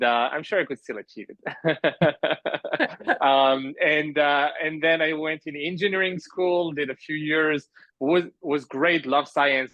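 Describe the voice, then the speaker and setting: A man in his thirties from France talks casually as a podcast guest, his voice bright and forward. He rambles and restarts with lots of fillers and quick laughs. The sound is dry and a bit dull, like a remote call. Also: mid-range voice, no room sound. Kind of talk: casual conversational interview. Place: remote call from an island at night.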